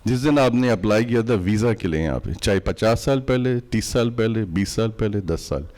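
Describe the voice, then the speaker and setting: A man's voice: lowish voice, lively intonation, moderate pace. Impassioned man rallying a crowd. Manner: builds to loud impassioned preaching peaks. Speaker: event host and charity speaker. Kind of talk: passionate fundraising speech.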